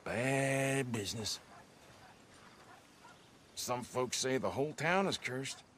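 A man's voice: medium pitch, slow, background noise, close to an everyday voice. A man voicing a grave Old West townsman in a video game, giving cautious warnings in a spoken tone.

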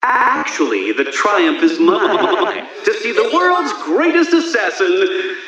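A man's voice: sits high, very animated, slow pace, a crowd in the background, full character voice, low-quality recording. An actor playing a theatrical, smug, egotistical male game villain with a pompous, taunting, grandiose delivery. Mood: condescending, taunting.

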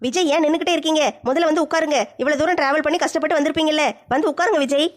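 A woman's voice: sits high, steady tone, racing. A woman acting a village comedy sketch in a brash, mocking way. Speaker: comic sketch performer.

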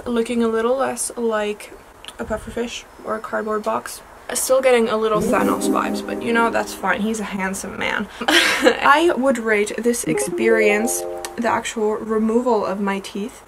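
Young woman vlogging, bit high pitched, lots of creak, casual chatty narration. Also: background noise. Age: young adult. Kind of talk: casual vlog narration and chat.

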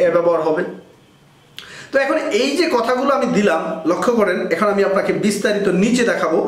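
High-voiced man teaching grammar. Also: reverberant. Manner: explains step by step, asks and answers his own questions. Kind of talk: explaining grammar lesson.

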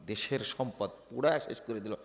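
A man preaching a fiery sermon in Bangladeshi Bengali at a religious gathering. He swings from loud declarations to low mutters and keeps questioning the crowd. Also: normal speed, in a large hall. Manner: questions the crowd and calls for responses. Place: religious gathering, addressed over loudspeakers.

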